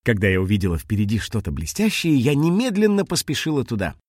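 A man voicing a chatty, excitable young female dragon in a storybook reading, in high, breathless bursts. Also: fast, breathy edge, no echo, clean studio sound. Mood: excited.

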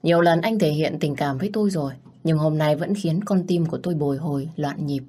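A woman narrating a first-person love story in a gentle, emotional reading voice. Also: sits low, brisk.

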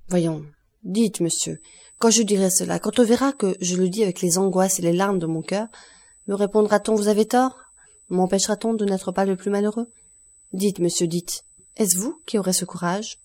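A woman's voice: medium pitch, fairly even intonation, moderate pace, dark tone, close to an everyday voice. A woman reading the lines of an anguished young man, desperate and furious, with passionate, pleading outbursts. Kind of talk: audiobook reading of a novel.

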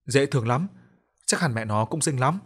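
A man's voice: medium pitch, expressive, normal speed, slightly rough. A man voicing an elderly rural mother who fusses fondly over her returning son in a story reading. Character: elderly country mother, fussing and overjoyed.

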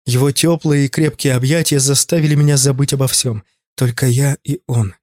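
A man narrating a first-person audiobook in an even, steady storytelling manner. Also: fairly high pitch, dry recording, studio quality. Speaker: audiobook reader.

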